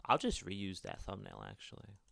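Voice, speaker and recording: Gravelly deep-voiced young male streamer. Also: normal speed, bright, forceful tone, no room sound, clean studio sound. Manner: casual, swearing, laughs at himself. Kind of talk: reading fan fiction aloud and chatting.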